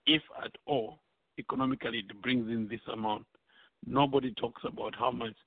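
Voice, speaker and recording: Gravelly male panelist on a phone line. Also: medium pitch, fairly even intonation, normal speed, no room sound. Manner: argumentative, presses questions. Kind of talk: panel discussion.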